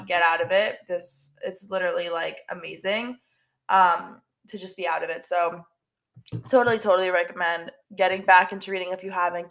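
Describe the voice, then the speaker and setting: A woman's voice: lowish voice, a bit bright. A young woman chats through her solo podcast, her voice a little stuffy and nasal from allergies. She rambles casually, leaning on "like" and repeating herself. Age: young adult. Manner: chatty, filler-heavy with lots of "like" and repeats. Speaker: podcast host.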